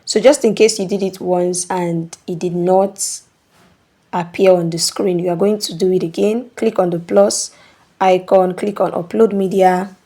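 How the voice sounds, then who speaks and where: Woman walking through a tutorial, mellow voice. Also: fairly low pitch, steady tone, unhurried. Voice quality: instructive, repeats "okay?" to check in. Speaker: tutorial host. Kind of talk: screen-recording tutorial.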